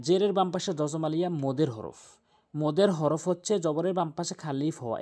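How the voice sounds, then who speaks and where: A man teaches Quran recitation in a patient, methodical way. He names each letter and vowel mark, then recites the words slowly, stretching the sounds out. He keeps pointing out the mistakes most people make and urges listeners to pay attention. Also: a little high, mellow. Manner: corrects common mistakes repeatedly, urging viewers to pay attention. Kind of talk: spoken tajweed lesson with recited examples.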